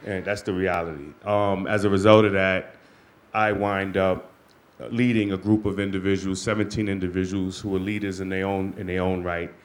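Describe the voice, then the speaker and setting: Deep-voiced man in his forties. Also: level tone, normal speed. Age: 40s. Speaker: program participant. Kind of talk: telling his life story on stage.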